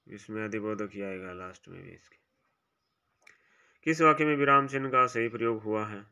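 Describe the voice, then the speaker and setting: Brief: male teacher, very bright and crisp, reads quiz options aloud, then quietly marks each right or wrong. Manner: drops quieter and lower for short asides. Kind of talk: exam-prep grammar lesson.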